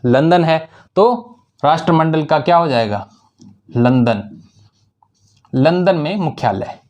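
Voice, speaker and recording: Slow and animated, a man with a slightly high, darkish voice teaches an exam-prep lesson on dull-sounding audio. He leans on memory tricks, answers his own questions, and keeps repeating key words for emphasis.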